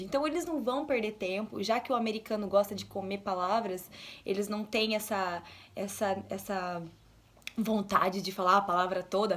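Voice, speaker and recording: A young Brazilian woman with a Brazilian Portuguese accent, giving chatty language tips in a casual teaching vlog. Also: medium pitch. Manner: chatty, explains with quick English examples. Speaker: English tips vlogger.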